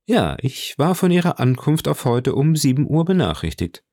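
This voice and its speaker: A man reading aloud voices a polished count who speaks smoothly and with calm authority. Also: a little high, moderate pace, no room sound, clean studio sound, pitched above the performer's own voice. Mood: assured, courteous. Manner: smooth, assured and courteous. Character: suave commanding count, polished and smiling.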